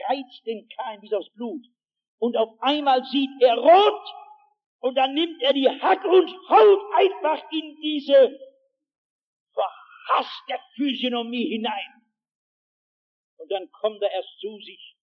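A man preaching a sermon as dramatic storytelling, repeating phrases for effect, on a dull lo-fi recording. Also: very high voice.

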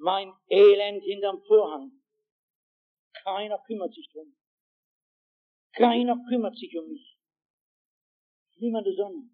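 Slow, high-voiced male preacher. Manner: dramatic storytelling, repeating phrases. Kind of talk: sermon. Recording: dull lo-fi recording.

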